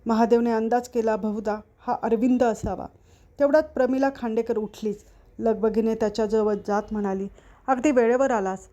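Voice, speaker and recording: A woman narrating a literary short story aloud in a steady, expressive way. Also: a little high, normal speed, lo-fi sound.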